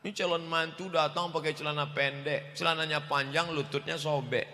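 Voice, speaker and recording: A man preaching a loud, joking sermon to a large congregation, acting out little scenes. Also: steady tone, fairly quick, a little hiss or hum. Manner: loud, booming delivery. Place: large mosque. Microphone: handheld stage microphone. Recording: echoey mosque hall.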